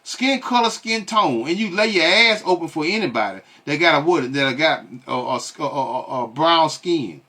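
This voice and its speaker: Husky-voiced man ranting with rhetorical questions. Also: fairly high pitch, animated, moderate pace, hardly any pauses, sharp tone. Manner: keeps asking rhetorical "what?" questions and repeats himself; blunt and scolding, with many stalling fillers. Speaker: online religious commentator. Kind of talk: ranting commentary on video clips.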